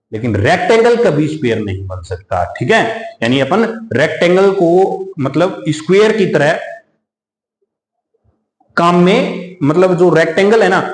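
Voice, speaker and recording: A man teaching a maths lesson in a coaching class, explaining each step patiently, calling his students "beta", and reading English problem text slowly. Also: high voice. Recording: echoey room.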